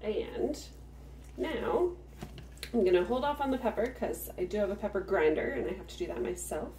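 A woman hosting a farmstead channel's cook-with-me video explains each step at an easy pace as she works in her home kitchen. Her mid-range voice is animated and moderately paced, picked up off-mic with roomy kitchen sound and a noisy background.

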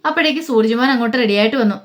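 A woman telling a daily family story in a casual, chatty way, tagging lines with what each one said. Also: fairly high pitch. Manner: rapid, chatty narration with "parayanam" tags.

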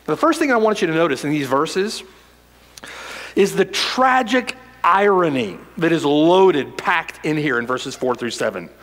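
A male pastor preaching a sermon emphatically, repeating phrases and swinging from loud declarations to hushed lines. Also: sits high, big-room sound.

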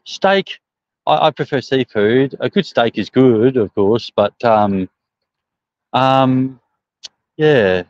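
A man's voice: medium pitch, lively intonation, takes it slowly, long pauses. A middle-aged man with a broad Australian accent talks in an ordinary mid-range voice. He rambles and hesitates through a casual, colloquial livestream chat. The phone recording is slightly muffled, with no room echo around the voice. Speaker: truck driver livestreaming. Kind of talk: casual live chat answering viewer comments. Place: outdoors on a service station forecourt. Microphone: phone propped at about arm's length.

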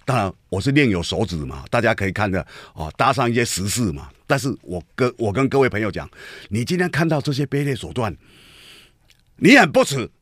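A man's voice: lowish voice, sing-song, fast, dry recording, studio quality. A man hosting a radio talk show, giving an emphatic political commentary monologue full of rhetorical questions to his listeners. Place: radio studio.

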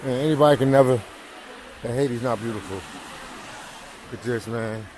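An American travel vlogger walks along a busy beach, narrating and chatting casually in slangy speech and often repeating himself. His voice is mid-range at a moderate pace. He holds the camera himself, and people chattering around him add background noise.

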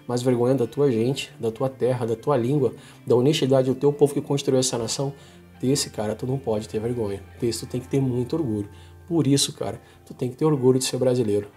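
Talking straight to the camera indoors in his small home office, a Brazilian man in his forties, a vlogger, gives an emphatic, casual rant full of slang. His husky voice is mid-range with a warm tone.

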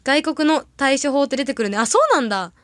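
A young woman with a bright, high voice chats casually to her livestream audience. She rambles through stories and reacts quickly to comments. The sound is dry, with no room echo. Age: young adult. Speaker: idol audition candidate livestreaming. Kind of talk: casual livestream chat reading viewer comments.

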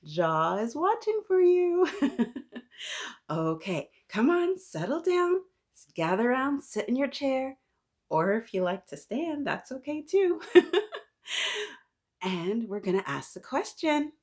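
A woman in her thirties hosts a children's storytime in a high, slightly mellow voice that is very animated. She reads aloud expressively and slowly, with long pauses, chatting with the young listeners as though they were answering her.

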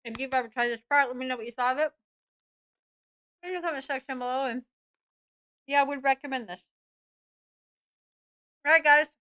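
A middle-aged woman giving a casual product review to camera, speaking informally and haltingly into a desk microphone. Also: high-pitched, bright, forceful tone, no room sound. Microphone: desk microphone close in front, seen.

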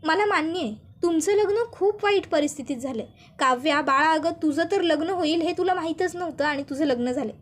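A woman's voice: sits high, a little fast, lightly acted. A woman voicing an affectionate older mother-in-law speaking in an earnest, imploring way. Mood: pleading.

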